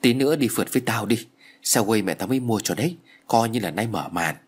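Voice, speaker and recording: A man's voice: on the low side, expressive, a little fast. A man voicing his reckless young friend in an audiobook story. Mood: boastful. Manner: rough, swaggering, later shaken.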